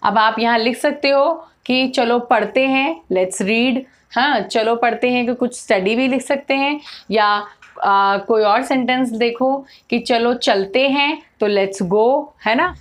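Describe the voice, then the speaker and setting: Slow, high-voiced woman teacher. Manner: slow, explains each phrase word by word. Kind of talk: spoken English lesson for children.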